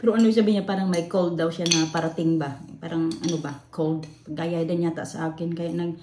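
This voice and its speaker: A woman's voice: fairly low pitch, fairly even intonation, brisk. A woman from the Philippines chatting casually in a rambling home vlog, full of fillers and restarts. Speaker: vlogger. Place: at home in a room. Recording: echoey room, faint noise.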